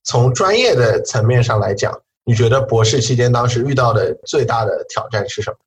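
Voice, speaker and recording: A man's voice: medium pitch, expressive, fairly quick, a little hiss or hum. A man hosting a casual podcast interview, asking long, framed questions. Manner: asks long framing questions, short backchannels. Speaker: podcast host.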